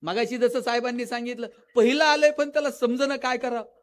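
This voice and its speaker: A man giving a lively motivational lecture at a school event, telling funny stories and acting out the characters' lines. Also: extremely high pitch, brisk. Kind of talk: public lecture with storytelling.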